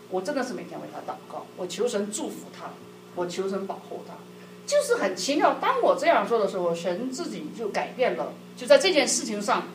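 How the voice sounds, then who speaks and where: Lively woman telling church stories. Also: medium pitch. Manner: lively, laughing often, acts out quotes. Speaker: church speaker on marriage. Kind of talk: sermon-like personal storytelling. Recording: echoey hall, distant mic, background noise.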